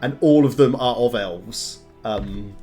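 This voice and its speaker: A man narrating a tabletop game as game master, in a halting way full of fillers and restarts. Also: mid-range voice, warm tone, soft background music.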